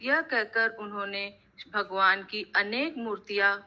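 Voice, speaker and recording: A woman in an online class reading a scripture translation aloud slowly and carefully, with small slips. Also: mid-range voice, bright, forceful tone, highs cut off. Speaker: class moderator and reader. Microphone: video call.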